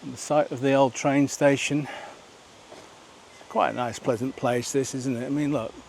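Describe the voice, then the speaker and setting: A man's voice: mid-range voice, fairly even intonation, normal speed, creaky, a little mellow, a little hiss or hum. A man narrating a walking vlog outdoors on a rural nature trail, chatty and rambling, asking viewers questions as he goes. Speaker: vlogger.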